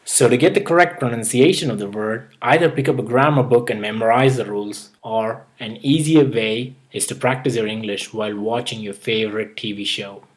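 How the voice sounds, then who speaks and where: Brisk and barely pausing, a young man with a slight Indian accent delivers a scripted tutorial on his YouTube channel. His mid-range voice works through earnest advice one list item at a time.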